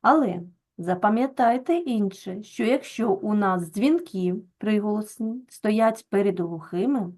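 A woman teacher, explaining a lesson to children slowly and deliberately and repeating each example word with stress. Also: mid-range voice, expressive, darkish tone.

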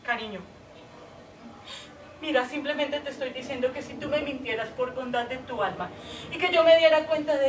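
A woman's voice: sits high, close to an everyday voice. Actress as a heartbroken woman on the phone. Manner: emotional, swings between tender pleading and desperate outbursts. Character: heartbroken woman pleading with her departing lover by phone. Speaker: stage actress. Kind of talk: stage monologue acting. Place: theater stage. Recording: echoey stage from far off, audible noise.

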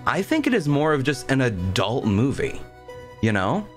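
In a medium-pitched, sing-song voice at moderate pace, a young man chats on his game livestream, telling loose, informal stories and swearing along the way. Game music runs underneath.

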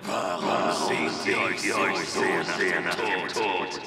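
An actor playing a vain, self-righteous godlike tyrant in a video game, declaiming imperiously and theatrically with heavy reverb. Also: male voice, low-pitched, fairly even intonation, slow. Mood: solemn, preaching. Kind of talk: dramatic video game villain acting. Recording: echoing reverberant hall, loud music behind.

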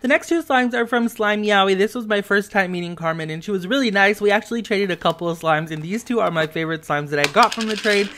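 A man's voice: sits high, fast, few pauses, sharp tone. A man chatting enthusiastically in a casual voice-over as he shows off and reviews slimes. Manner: enthusiastic, gushing, upbeat. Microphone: voice-over over tabletop footage.

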